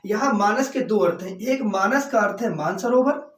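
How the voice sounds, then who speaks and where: A man teaching a class lecture, reading examples out slowly and then repeating the key terms. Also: high-pitched. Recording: roomy echo, mic far from speaker.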